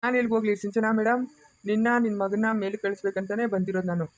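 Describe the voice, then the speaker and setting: A woman's voice: medium pitch, fairly even intonation, racing, darkish tone, dry recording, pitched below the performer's own voice, lightly acted. Woman doing a sneering male villain, Rajappa. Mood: menacing. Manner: mocking, sneering taunts. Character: menacing adult male villain, sneering and threatening. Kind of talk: amateur family drama acting.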